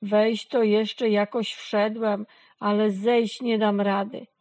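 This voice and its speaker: A shy, fearful young male kitten from a children's storybook, unsure of himself, voiced by a woman reader. He talks slowly and hesitantly. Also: medium pitch, little pitch movement, darkish tone, no room sound. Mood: scared.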